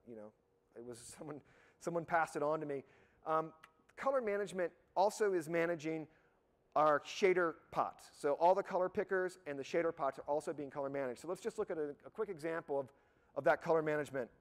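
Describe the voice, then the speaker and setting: A man with a somewhat raised pitch walks through a live software demo. He sounds slightly hoarse, as if losing his voice. His delivery is relaxed and upbeat, full of fillers and restarts. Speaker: product expert giving a software demo.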